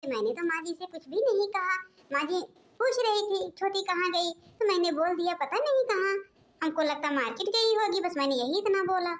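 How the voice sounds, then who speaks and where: A woman's voice: very high voice, lively intonation, moderate pace. A woman voicing a polite, dutiful elder daughter-in-law in a cartoon, speaking in a soothing way. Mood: calming.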